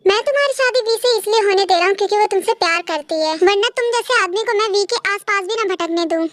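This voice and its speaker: A woman's voice: very high voice, fast, a bit bright, no room sound. A woman voicing a protective, lovesick young man in a fan-made audio story, speaking in an earnest, pleading way. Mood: earnest warning.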